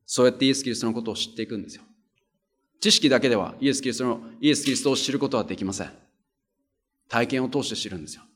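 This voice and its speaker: A man's voice: mid-range voice, rapid-fire, breathy edge. A man preaching a conversational sermon and reading scripture aloud, earnest and plain-spoken, driving points home by repeating them. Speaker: pastor.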